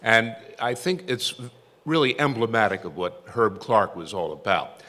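A man's voice: lowish voice, sing-song, a little slow, pushed and bright. An older man giving an anecdotal tribute speech, telling stories with self-deprecating humor. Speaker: tribute speaker, former newsroom copy boy. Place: event hall. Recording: echoey hall with long reverb.

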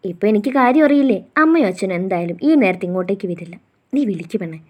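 A woman's voice: mid-range voice, lively intonation, quick pace, natural voice. A woman reading the lines of a cheeky, playful young woman who coaxes her sister on.

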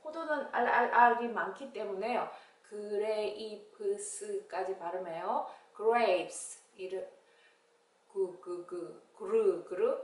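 A woman teacher leading an English lesson for young children, with a sing-song manner and big pitch jumps on the English words. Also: slow, reverberant, recorded from a distance.

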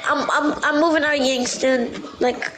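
A woman's voice: sits high, steady tone, normal speed, background noise. A woman in a western game roleplay who rambles, packing her lines with "like". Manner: rambling, leans heavily on "like". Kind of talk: in-character game roleplay chat.

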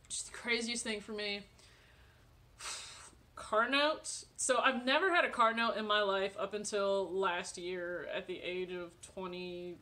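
A woman's voice: mid-range voice, bright, forceful tone. A woman in her late twenties chatting casually to camera from her living room, friendly and talkative with frequent laughs and fillers. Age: 20s. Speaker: vlogger.

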